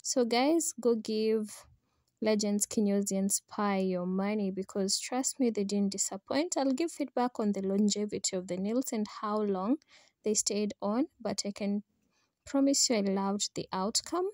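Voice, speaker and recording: A woman's voice: mid-range voice, measured pace, warm tone, no room sound, clean studio sound. A young adult woman with a Kenyan accent, chatting to viewers in a casual voice-over for a travel vlog. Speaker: vlogger.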